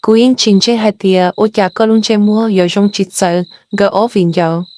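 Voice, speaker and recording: A woman's voice: mid-range voice, fairly even intonation, a little fast, a little mellow, close to an everyday voice. Sad young villager in an audio story, pleading and earnest, as a woman plays her. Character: sorrowful young village woman, breathless and frightened.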